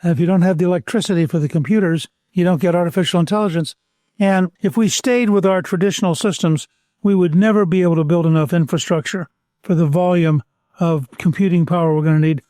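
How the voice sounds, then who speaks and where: Older guy host, high-ish mellow voice, dry close sound, measured questions. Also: fairly even intonation, dry recording. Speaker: podcast host. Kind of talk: interview talk.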